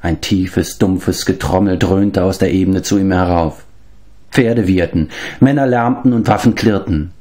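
A man's voice: low-pitched, a little mellow. Man narrating a storybook. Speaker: audiobook reader. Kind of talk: scripted narration.

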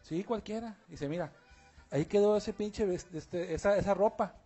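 A man's voice: high-pitched, moderate pace, mellow, breathy edge, faint music behind. A man on a radio comedy show, telling a long crude joke in rambling street slang.

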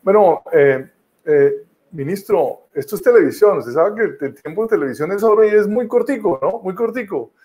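A man imitating a brisk woman TV journalist who insists that airtime is very short, in a raised voice. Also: high-pitched, animated, dark tone, voice pushed up. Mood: brisk, insistent.

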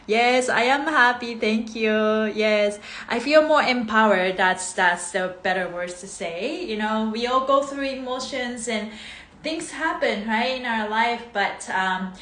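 Bubbly japanese-born woman coaching a live class on her phone, laughs a lot, kinda high voice, echoey living room. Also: a little slow, fairly bright tone. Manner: bubbly, laughs often, sing-song greetings. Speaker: movement coach. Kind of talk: live-streamed movement class. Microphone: phone camera, close then from across the room. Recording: echoey room with faint noise.

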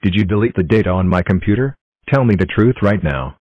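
A man's voice: on the low side, expressive, a little fast, no room sound. A synthetic male voice playing a bossy, accusing boy in a cartoon, scolding with repeated words. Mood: furious. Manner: shouting repetitions, scolding. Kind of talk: text-to-speech cartoon voice. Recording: dull dry lo-fi audio.

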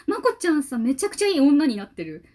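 Woman YouTuber, high and bouncy voice, gushing fan reaction chatter. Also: quick pace. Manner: gushing, excitable, talks to herself. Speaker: YouTuber reacting to a music video. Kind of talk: casual fan reaction commentary.

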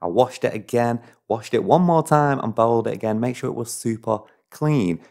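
A man's voice: medium pitch, darkish tone. A man hosting a cocktail recipe video, talking viewers through each step in a chatty, playful way with apologetic asides. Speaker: cocktail show host. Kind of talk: recipe tutorial voice-over.

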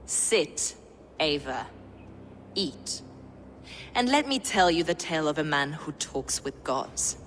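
A woman's voice: low voice, big pitch swings, takes it slowly, long pauses, a bit bright, big-room sound, a little hiss or hum, exaggerated voice. An actress playing a mocking, sinister zealot woman in a video game, speaking with theatrical, mock-polite menace. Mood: hushed reverence, contempt. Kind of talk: video game dramatic acting.

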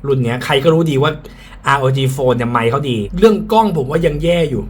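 A man's voice: medium pitch, lively intonation, fast talker. A man speaking through a face mask, slightly muffled, giving a frank, casual product review and often repeating his points. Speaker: tech reviewer. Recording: clear background ambient noise.

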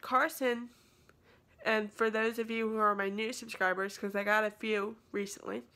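A woman's voice: mid-range voice, gravelly, sharp tone, dry recording. A woman in her thirties giving a casual, rambling vlog update into a phone held at arm's length. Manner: chatty, rambling, self-correcting. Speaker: vlogger. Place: home kitchen, then parked car.

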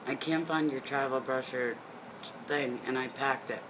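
Very low-voiced middle-aged woman, tasting jelly beans. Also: steady tone, measured pace. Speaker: mother joining her daughter's taste challenge. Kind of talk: casual chat. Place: living room couch, indoors. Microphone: device camera mic at about arm's length. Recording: noisy home phone-video recording.

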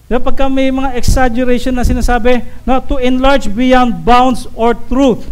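A man with a strikingly high voice and a Filipino accent, preaching a sermon to a church congregation. He talks in an animated way and slips into playful higher tones when acting out the people he quotes, mixing Tagalog with English. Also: clean tone, poor audio. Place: church service.

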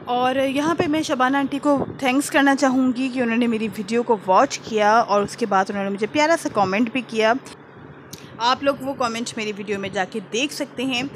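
Her voice is on the high side, and the audio is poor with slight background noise. She's a channel host with an Urdu-speaking Pakistani accent, chatting warmly to viewers while cooking in her home kitchen and living room, often filling pauses with "jī."

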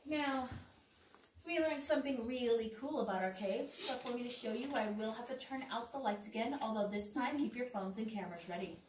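Woman, cave tour guide, playful group talk, high voice, cave echo, faint background noise. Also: a little fast. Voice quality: echoing cave sound. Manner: playful, chatty. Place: underground cave room. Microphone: visitor's phone at a distance. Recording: echoing cave, distant mic, faint noise.

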